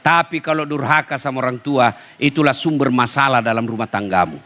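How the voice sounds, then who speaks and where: A man's voice: mid-range voice, brisk, sharp tone. A man with a Bugis accent giving a humorous sermon, teasing and addressing the audience directly. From Bugis, South Sulawesi, Indonesia. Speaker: preacher.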